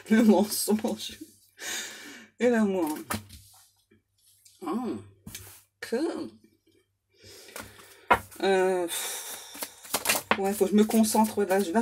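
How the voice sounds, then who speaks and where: A woman's voice: mid-range voice, a little mellow, a little hiss or hum. A woman medium giving a casual oracle card reading, chatty and self-mocking as she banters aloud with her spirit guides.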